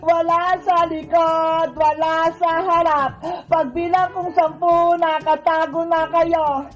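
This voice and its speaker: A woman's voice: extremely high pitch, little pitch movement, a little slow, a bit bright. A woman voicing a young cartoon girl who counts and seeks in hide-and-seek, calling out in a sing-song way, with music playing behind. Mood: playful.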